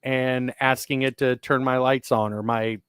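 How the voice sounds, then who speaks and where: A man's voice: mid-range voice, steady tone, a little slow, a bit bright, clear, resonant tone, no echo. Rambling podcast guy, dry mic. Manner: rambling, restarts often, enthusiastic about sci-fi tech. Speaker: podcast co-host. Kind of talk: casual chat.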